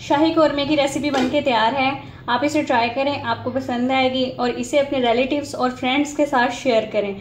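High-voiced woman narrating a recipe. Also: normal speed. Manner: calm, methodical, walks through each step. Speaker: cooking channel host. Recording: echoey kitchen with background noise.

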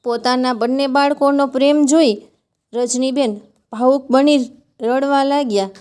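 A woman narrating an emotional family story in a gentle, heartfelt storytelling manner. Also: high-pitched, steady tone, a little slow, clear, resonant tone.

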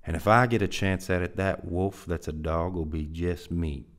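Gruff, stubborn backwoods trail man with a low voice and folksy drawl, read by a man. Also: fairly even intonation, normal speed, natural voice. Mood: grim. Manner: folksy backwoods drawl, hot-tempered outbursts. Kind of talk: dramatic reading.

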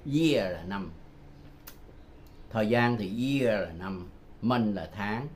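A man's voice: on the low side, animated, takes it slowly. An older man gives a home-made language lesson, patiently repeating phrases to drill pronunciation. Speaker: language teacher. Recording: muffled home recording with background noise.

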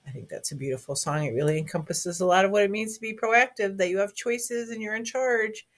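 A woman with a hoarse morning voice giving a school's morning announcements to young children, chatty and friendly, talking to a camera. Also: mid-range voice, brisk. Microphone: speaking to a camera.

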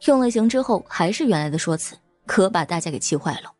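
A woman narrating an audio drama in a lively, expressive storytelling manner. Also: lowish voice, fast, faint music behind.

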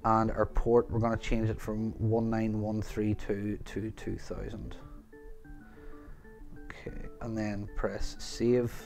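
Northern Irish man, lowish voice, step-by-step tutorial host, faint music under him. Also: completely flat delivery, slow, creaky, a little mellow. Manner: step-by-step, repeats "gonna wanna". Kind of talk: screen-recorded tech tutorial narration.

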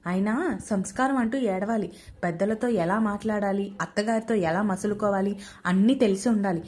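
A woman voicing a sharp-tongued middle-aged mother-in-law who scolds loudly and taunts. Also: medium pitch, normal speed, lightly acted. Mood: scolding. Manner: loud and taunting.

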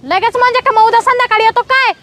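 Woman as a shrill, bright-voiced police madam, domineering and scolding, comedy skit. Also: fairly even intonation. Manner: scolding, domineering, rapid-fire questions. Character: strict bossy female police officer, middle-aged.

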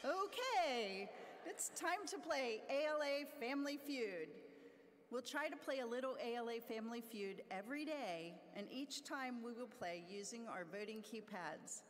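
A woman's voice: on the high side, lively intonation, a little slow. Upbeat woman at a convention podium. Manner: upbeat, laughs between instructions. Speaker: convention presenter. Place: large convention hall stage. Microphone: podium microphone. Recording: long hall reverb, faint crowd noise.

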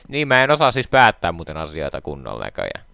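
A man's voice: low-pitched, huge pitch swings, gravelly, pushed and bright, no echo. A man hosting a game let's play, chatting casually with jokes and sarcastic banter. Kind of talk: casual gaming chat.

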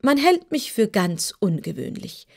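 A woman's voice: mid-range voice, sing-song, unhurried, vocal fry, a little mellow, pitched above the performer's own voice, heavily acted. Woman doing a polite wooden sawhorse. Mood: earnest. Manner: earnest, polite. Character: living wooden sawhorse, modest yet proud.

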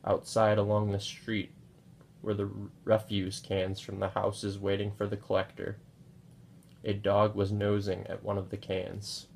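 A man reading a novel aloud in a steady, understated way. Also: on the low side, unhurried, creaky, slight background noise. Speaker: audiobook reader.

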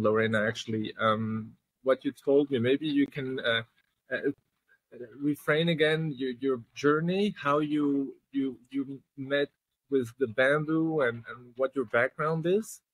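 Male host in his thirties, mid-pitch, dry close sound, halting with frequent ums. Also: fairly even intonation, no echo, rough recording. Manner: hesitant, many ums and rephrasings. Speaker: podcast host. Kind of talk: video call interview. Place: indoor room with tapestry.

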